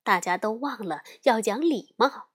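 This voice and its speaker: A woman reading a children's picture book aloud in an expressive storytelling manner. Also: a little high, unhurried, slightly rough.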